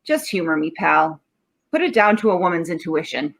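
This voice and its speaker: Woman as animated, sardonic police sergeant Guffey. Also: lowish voice, normal speed, slight background noise. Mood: suspicious. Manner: sardonic, interrogating. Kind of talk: 1940s radio drama acting.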